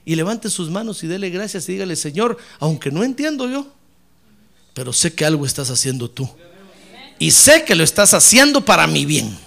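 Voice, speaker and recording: A man preaching a lively sermon as a pastor, acting out church members in comic voices. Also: on the high side, normal speed, creaky.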